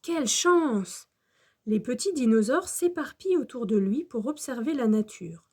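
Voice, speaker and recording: A woman storyteller reading a children's storybook aloud in a slow, gentle manner. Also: on the high side, expressive.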